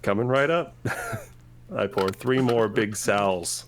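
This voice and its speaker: Relaxed, hesitant man at a game table. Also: fairly low pitch, takes it slowly, a little hiss or hum. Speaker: player.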